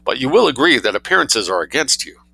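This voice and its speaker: A man voicing a contemptuous young gentleman in a short story, speaking with polite sarcasm. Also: medium pitch, big pitch swings, quick pace, vocal fry, dry recording, voice pushed up, heavily acted, low-quality recording. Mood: dryly polite. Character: suave, contemptuous, dryly mocking young gentleman.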